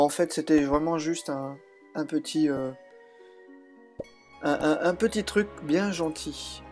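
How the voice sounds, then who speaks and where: A man's voice: fairly high pitch, a little mellow. A man with a slightly altered voice, chatting and explaining as he plays a video game, recorded on a laptop's built-in microphone. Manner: chatty, explains while playing, frequent hesitations. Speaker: let's play host. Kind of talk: casual gameplay commentary.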